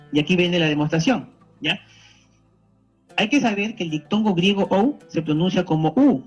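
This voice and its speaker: A high-pitched man, checking in after almost every point. The audio is dull and lo-fi, with faint music behind. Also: breathy edge. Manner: didactic, constantly checking in with the audience. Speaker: teacher. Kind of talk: recorded classroom explanation.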